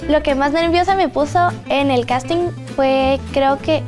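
A teenage girl from Guatemala talks about herself in an eager, articulate way. Her voice is high. Music plays clearly behind her. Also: a little slow. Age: teens. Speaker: contestant. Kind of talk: interview.

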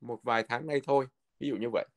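A man teaching a language lesson from a textbook, patiently repeating words slowly so learners can follow. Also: medium pitch, steady tone.

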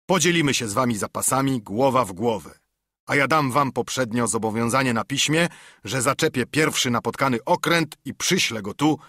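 A man's voice: mid-range voice, pushed and bright, dry recording, studio quality. A man voicing a scheming, menacing older one-legged pirate captain in a storybook reading, who speaks with swagger and threats.

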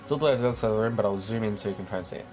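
A man's voice: on the low side, racing, a little mellow. Tired young guy rambling thru a bedroom vlog, swears a lot, faint music under it. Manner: rambling, casual, swears freely. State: tired, drained voice. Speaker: channel host. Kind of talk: casual vlog chat.

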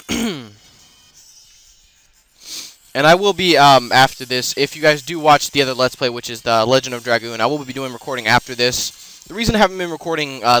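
A man's voice: medium pitch, bright, forceful tone, clear, resonant tone, dry recording. A man casually commenting while he plays a video game, rambling with many fillers and self-corrections as he explains what he is doing. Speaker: let's play host.

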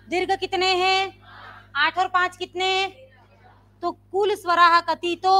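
High bright-voiced woman Sanskrit teacher. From India. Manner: quizzing students with repeated questions, demonstrating loud and soft sounds. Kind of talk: live online grammar class.

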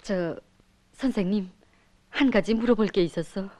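A woman's voice: medium pitch, normal speed, darkish tone, dry recording, natural voice. An actress with a North Korean accent playing a courteous, businesslike middle-aged woman official in a film drama. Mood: courteous, serious. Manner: polite, businesslike. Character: composed, courteous woman official, a deputy director.

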